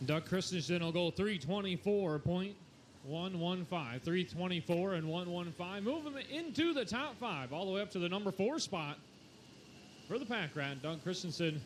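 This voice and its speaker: A man announcing a tractor pull live, with showy, drawn-out calls and repeated numbers. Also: high-pitched, lively intonation, a little hiss or hum. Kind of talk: live motorsport announcing over a PA.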